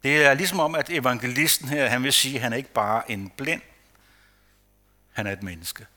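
A man preaching a sermon, rhetorical and repetitive for emphasis, sometimes dropping to a hushed near-whisper. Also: medium pitch. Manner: rhetorical, repeats phrases for emphasis. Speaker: pastor.

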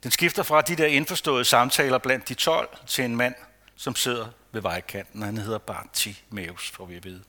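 Bright-voiced man preaching a sermon. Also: mid-range voice. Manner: dramatic dynamics, dropping to a hushed near-whisper; rhetorical, repeats phrases for emphasis. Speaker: pastor.

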